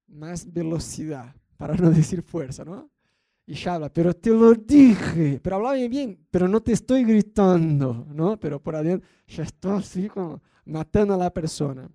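A man with a Rioplatense Spanish accent giving a lively talk on marriage, often acting out what spouses say and asking whether the listener follows. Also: high-pitched, no echo, studio quality. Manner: acts out quoted spouses, rhetorical asides. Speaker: marriage speaker.

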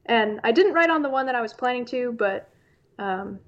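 A woman guest poet on an online call, speaking casually and reading her work aloud, with a dull, slightly rumbly sound. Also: expressive, moderate pace. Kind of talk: casual chat and poem reading.

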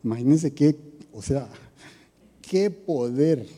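A man's voice: mid-range voice, expressive, slow, warm tone, big-room sound. A man giving a conversational sermon, often putting rhetorical questions to his listeners. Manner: asks the audience rhetorical questions. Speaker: preacher.

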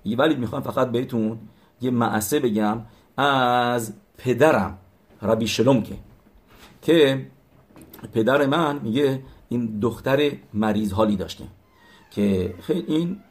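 Man telling a religious story haltingly. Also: medium pitch. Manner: halting, with many fillers and restarts. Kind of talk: retelling religious stories to listeners.

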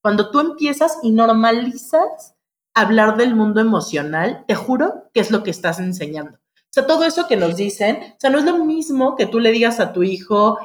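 A woman with a Mexican accent, a mother, talking as a guest in a casual conversation, lively and storytelling, insisting things are true. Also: a little high, moderate pace. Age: adult mother. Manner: animated, storytelling, keeps swearing it's true.

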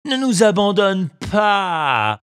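A reader voicing an old scheming male fox who begs in a whiny, drawn-out voice. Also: medium pitch, big pitch swings, a bit bright, clear, resonant tone, raised voice, voice pushed up. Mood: whining.

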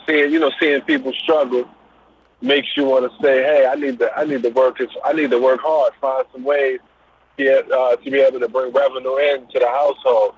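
Over what sounds like a phone call, with a little hiss or hum, a middle-aged man from Brooklyn speaks at normal speed in a medium pitch and level tone. He's a business owner and interview guest with a New York accent, easygoing and loose with plenty of fillers as he describes his background.

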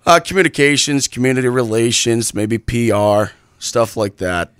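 A man's voice: medium pitch, normal speed, a bit bright, clear, resonant tone, no echo. Casual man with a Maine accent. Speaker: sports broadcaster on a radio panel. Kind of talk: casual sports chat.

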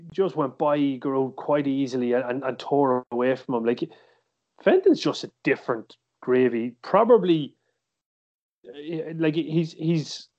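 An Irish man hosts a sports podcast in a mid-pitched voice. He talks casually and haltingly, doubling back on words, and the recording is a little dull. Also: darkish tone. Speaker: podcast host. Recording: slightly dull, muffled podcast audio.

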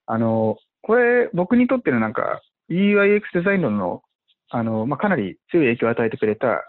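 A man working as a venture investor, chatting casually with lots of fillers and animated retellings. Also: mid-range voice, fairly quick. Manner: animated, many fillers, acts out quotes. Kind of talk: casual podcast conversation. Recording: tinny phone-like audio.

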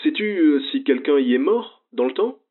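Guy playing a nervous older lady friend, phone-filtered and tinny, hesitant, bit higher. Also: lively intonation, moderate pace. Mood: worried. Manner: fretful, hesitant.

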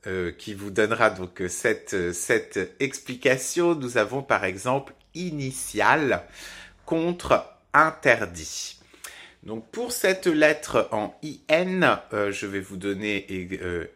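A man teaching French pronunciation on a podcast, halting with many fillers and restarts. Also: medium pitch, fairly bright tone. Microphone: podcast microphone.

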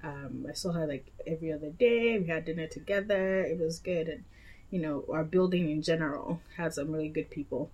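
A woman's voice: deep voice, brisk, a little mellow. A young woman from Nigeria chatting casually about places she has lived, rambling and correcting herself as she goes. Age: young adult. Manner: chatty, meandering, with frequent self-corrections. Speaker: guest. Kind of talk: casual chat.

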